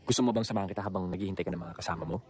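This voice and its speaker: A man's voice: sits low, very fast, darkish tone, slightly rough. An actor playing a playful young husband who banters with his wife in a romantic comedy film.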